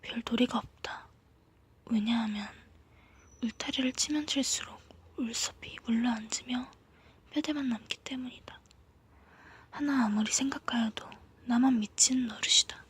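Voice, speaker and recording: A woman reading a story as ASMR in a soft, hushed, breathy whisper, as if leaning in close to whisper. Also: fairly high pitch, moderate pace, pauses often. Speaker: ASMR reader.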